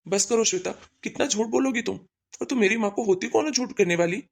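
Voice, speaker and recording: A woman voicing a man in his thirties in a cartoon, a son and husband who scolds sternly and loudly. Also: medium pitch, fast, creaky. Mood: angry.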